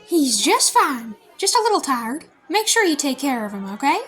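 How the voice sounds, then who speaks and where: A woman voicing a caring cartoon mouse uncle with a gentle, reassuring manner. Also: high voice, sing-song, normal speed. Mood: gentle concern.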